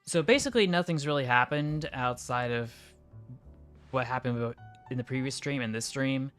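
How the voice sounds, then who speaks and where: A woman's voice: a bass voice, moderate pace. A woman casually chatting while she streams a video game, playful and a bit silly. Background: faint background game music.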